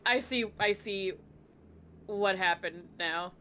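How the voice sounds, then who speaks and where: A woman's voice: mid-range voice, slow, bright, forceful tone, a little hiss or hum. A woman chatting casually on a stream, giggling often as she reacts. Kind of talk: casual chat.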